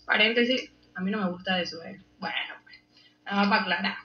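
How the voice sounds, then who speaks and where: A woman's voice: mid-range voice, quick pace, pushed and bright, roomy sound, highs cut off. A young woman with a Panamanian accent casually explains local slang to the camera in a playful way, often laughing and acting out the phrases, wearing a lapel mic. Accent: Panamanian Spanish. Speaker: reality show contestant.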